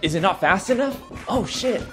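A man's voice: high-pitched, animated, moderate pace, a bit bright, soft background music. Profane joking man streaming a fitness game. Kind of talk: casual live-stream commentary. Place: home, second floor.

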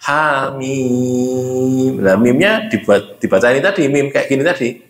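A man's voice: medium pitch, very animated, fairly quick, echoey room. A man with a Javanese accent teaching Quran reading at a religious study, explaining patiently and chanting letters aloud. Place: mosque.

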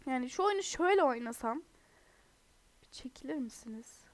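Giggly young woman, high voice. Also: lively intonation, fairly quick, no echo. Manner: chatty, giggly, talks to viewers. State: sick, under the weather. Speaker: gaming video host. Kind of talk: casual gameplay commentary.

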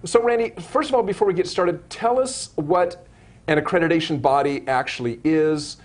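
A man's voice: on the high side, normal speed. A man hosting a live web broadcast interview, asking long, rambling questions full of restarts and self-corrections. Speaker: show host.

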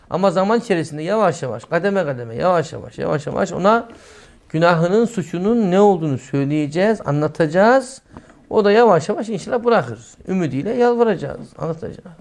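A middle-aged male preacher giving a sermon in a lively way, acting out quoted lines in a raised voice and dropping softly for asides. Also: high-pitched.

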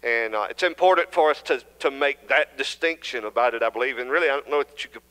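A man's voice: mid-range voice, quick pace, pushed and bright, smooth. A young man with a Southern US accent preaching an earnest sermon from a church pulpit, building in intensity and often restarting his phrases. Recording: church hall reverb.

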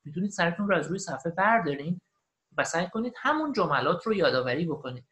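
Lively male teacher explaining a lesson. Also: sits high. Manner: repeats English phrases slowly after the audio, then explains at length. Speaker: English teacher. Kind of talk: recorded online language lesson.

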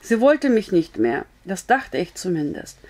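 A woman's voice: lowish voice, very animated, unhurried, a little mellow. A woman reading a story aloud, voicing a timid, tearful young girl in a pleading, strained voice.

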